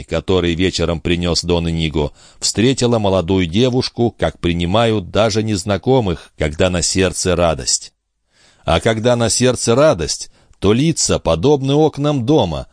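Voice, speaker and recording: A man narrating a novel aloud in a steady, measured storytelling manner. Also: deep voice, no echo, clean studio sound. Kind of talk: audiobook reading.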